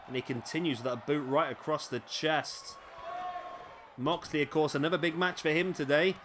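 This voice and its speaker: Male game commentator, slightly high voice, casual play-by-play, hiccups, faint background noise. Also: fairly even intonation, normal speed. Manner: chatty, asks tag questions, corrects himself. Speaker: commentator for a wrestling video game.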